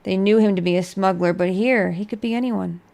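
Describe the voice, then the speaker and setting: A woman's voice: mid-range voice, brisk, creaky, darkish tone. A woman narrating a storybook aloud as a game streamer.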